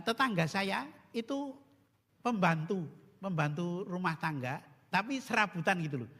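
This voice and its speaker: Priest giving a retreat talk, high bright voice, jokey and animated, long echo of a big hall. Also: male voice. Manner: animated, humorous, mixes in Javanese phrases. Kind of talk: spiritual recollection talk.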